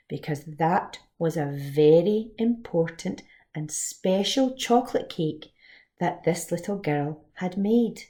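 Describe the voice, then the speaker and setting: Reading along with young children, a woman storyteller and teacher leads the lesson slowly, her pitch very animated. She explains things simply and expressively, the way a teacher would.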